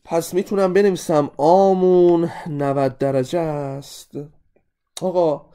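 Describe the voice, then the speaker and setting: A man teaching an exam-review math lesson, animated and constantly addressing his students directly. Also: on the high side.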